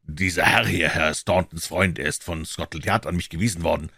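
A man's voice: deep voice, fairly quick, gravelly, pushed and bright, husky, dry recording, full character voice. A man reading a cool, dry, ironic detective. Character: calm, dryly ironic male detective.

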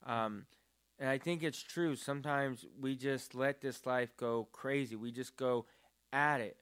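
A man's voice: medium pitch, steady tone, measured pace, fairly bright tone, clear, resonant tone. A man talking about prayer in a casual, earnest and rambling way, with many fillers. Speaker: podcast co-host. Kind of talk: casual faith talk.

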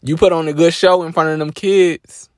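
A man hosting a podcast, giving a casual faith-based motivational talk with a relaxed, preachy delivery and frequent restarts. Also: on the high side, moderate pace, dry recording, studio quality. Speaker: podcast host.

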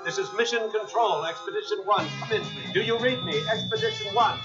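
A man's voice: high voice, fairly quick, muffled recording, over music. A man as a mission control operator, speaking over a sci-fi radio communicator in a formal call-out that repeats the call sign.

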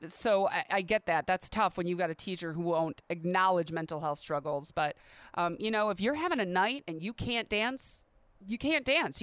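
A woman's voice: mid-range voice, fairly bright tone, clear, resonant tone, no echo. A woman hosting her own podcast, talking in a chatty, upbeat way with light laughs. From Midwestern United States. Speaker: podcast host. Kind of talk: casual solo podcast talk. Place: at home in a quiet neighborhood.

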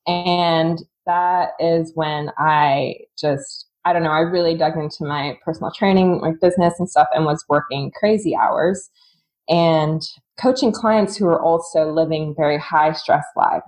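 Unhurried and a little mellow, a woman speaks in a low voice over poor audio. She's a fitness coach in her thirties from Singapore, a podcast guest sharing her story in candid, chatty, conversational fashion, often laughing mid-sentence.

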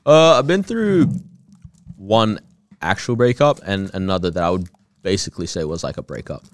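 A man's voice: deep voice, expressive, normal speed, dry recording, studio quality. A young man talking informally and candidly with friends as a panelist in a casual chat. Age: young adult. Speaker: podcast panelist.

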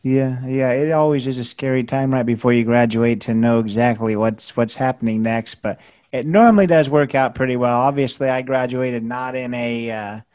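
A man's voice: mid-range voice, a little mellow. A man hosting a casual interview podcast, often stumbling over and restarting his words. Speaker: podcast host.

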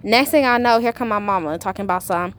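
A young woman guesting on a podcast, chatting freely and peppering her talk with "like". Her pitch sits in an ordinary middle range, with a faint hiss in the background. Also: fast talker, a bit bright. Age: young adult. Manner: chatty, fills speech with "like". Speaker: guest, college student. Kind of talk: casual chat.

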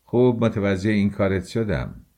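A man's voice: lowish voice, expressive, mellow. A male audiobook reader voicing a tense, brooding young man who speaks bluntly and urgently, with threats in his voice. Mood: tense defiant.

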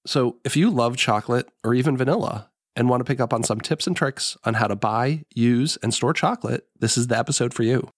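A man's voice: mid-range voice, a little fast, hardly any pauses, slightly rough, no echo, studio quality. A middle-aged American man with a nasal voice, congested from allergies, reading a scripted podcast introduction as host.

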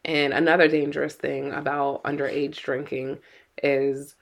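A woman's voice: sits low, flat delivery, moderate pace, vocal fry. A middle-aged woman co-hosting a podcast as a mother, talking earnestly and with worry, often repeating her words. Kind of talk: casual podcast chat.

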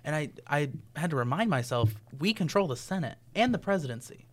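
A young man, a college student co-hosting a podcast, relaxed and joking as he thinks aloud. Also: on the high side, a little fast. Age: young adult. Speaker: podcast co-host. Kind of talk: casual political chat.

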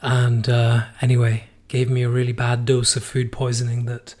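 Hoarse American podcast host. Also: male voice, mid-range voice, monotone, normal speed, a little mellow. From United States. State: hoarse, voice worn out from sickness. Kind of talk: casual solo podcast monologue.

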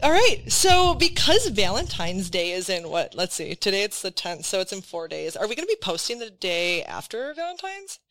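A woman's voice: medium pitch, sing-song, normal speed, few pauses, fairly bright tone, no echo, rough recording. A woman with a Wisconsin accent chatting casually and jokily as a co-host with friends. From Wisconsin, United States. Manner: informal, jokey. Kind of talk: casual chat, playful hosting.

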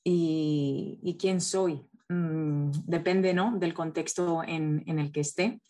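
Spanish woman guest, Valencia accent, low pitch, hesitant and reflective, video-call sound. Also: steady tone, slow, warm tone. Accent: Spanish from Spain. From Spain, Valencia. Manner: thoughtful, many fillers and self-restarts. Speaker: guest, communications specialist. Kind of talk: interview over video call.

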